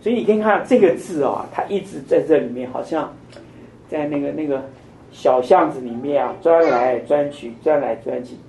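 A man's voice: fairly high pitch, moderate pace, dark tone, slight background noise. Older man teaching Bible study, echoey room. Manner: asks the listeners many questions. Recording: echoey room, mic at a distance.

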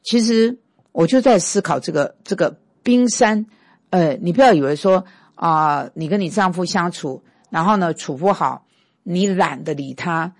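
Woman preacher, low gravelly voice, emphatic delivery. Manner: lively, emphatic, acts out quarrels. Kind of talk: sermon.

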